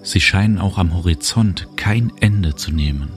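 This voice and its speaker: A man narrating a guided relaxation journey, speaking slowly and soothingly. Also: sits low. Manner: slow, calm, soothing. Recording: music bed under voice. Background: music and cricket sounds.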